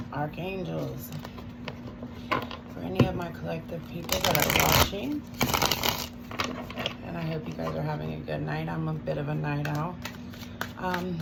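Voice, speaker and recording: A woman's voice: deep voice, gravelly. A woman chewing gum while she gives a casual, hesitant, rambling spiritual talk as a tarot reader. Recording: loud background noise.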